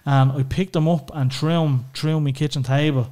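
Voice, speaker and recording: With a darkish timbre, a higher-leaning pitch that stays fairly even, and a moderate pace, this Irish podcast guest talks openly and emotionally about family. Profanity comes easily to him, and "you know" crops up constantly.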